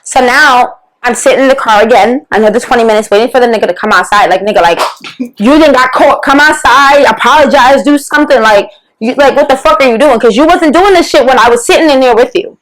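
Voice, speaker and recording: A woman's voice: a little high, fairly quick, a bit bright, poor audio. Woman telling a profane, heated story. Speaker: guest podcast co-host. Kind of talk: animated storytelling, casual podcast chat.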